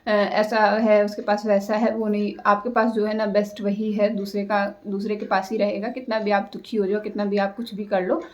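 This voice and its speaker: A young woman giving casual style and confidence advice to her viewers, chatty and unhurried, pausing often on fillers. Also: mid-range voice. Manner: chatty, hesitant with many fillers; tries to talk slowly and calmly. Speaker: vlogger. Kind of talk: casual advice talk to camera.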